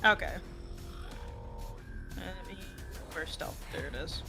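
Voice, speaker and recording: A player at a tabletop game, talking casually and slowly, often laughing and trailing off. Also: medium pitch, vocal fry, music in the background. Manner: slow, giggly, trailing off.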